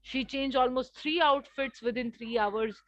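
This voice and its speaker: Indian-English woman workshop trainer, fairly high voice, dry close sound, expressive delivery. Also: measured pace, no room sound, lo-fi sound. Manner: expressive, acts out contrasting voices. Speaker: communication trainer. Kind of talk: live workshop lecture.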